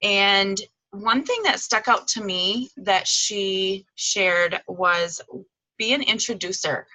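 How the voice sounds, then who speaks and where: Over a video call microphone, a guest speaker recaps a weekend of tips in a bright, forward voice at an ordinary middle pitch. She talks slowly, chatty and informal, with lots of "um" and "like." The audio is poor, dry and close, with no room sound.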